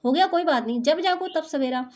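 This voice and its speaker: A woman's voice: sits high, a little fast, darkish tone. A woman doing an intuitive spiritual reading for her viewers, talking in a soothing, motherly, reassuring way. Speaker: spiritual card reader.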